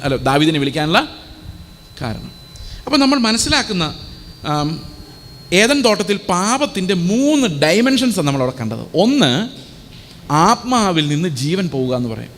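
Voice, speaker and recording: High-voiced pastor preaching in a hall. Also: male voice, sing-song, moderate pace, fairly bright tone, a little hiss or hum. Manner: asks the congregation many rhetorical questions. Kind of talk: sermon.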